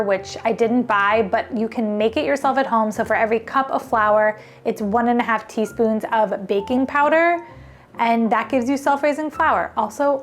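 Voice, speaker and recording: Chatting casually as a cooking-show host, a woman exclaims while she cooks and samples dishes in her kitchen. Her voice is on the high side, in a food-vlog conversational style, with slight background noise.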